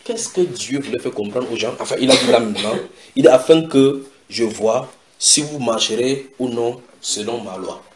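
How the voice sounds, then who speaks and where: A man preaching a sermon in an animated way, repeating key phrases for emphasis. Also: medium pitch, moderate pace, a little hiss or hum. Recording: echoey room.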